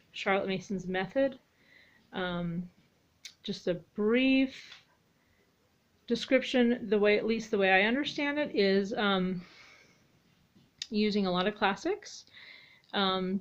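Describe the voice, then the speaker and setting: A woman who homeschools her children, chatting casually in a vlog, rambling with lots of ums and restarts. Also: mid-range voice. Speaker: homeschooling mother vlogger. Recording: slightly dull lo-fi audio.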